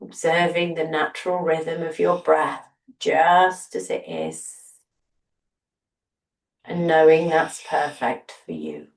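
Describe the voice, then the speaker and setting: A woman softly guiding a breathing meditation, slow and soothing with long pauses. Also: deep voice, lively intonation, echoey room, recorded from a distance, low-quality recording. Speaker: breathwork teacher.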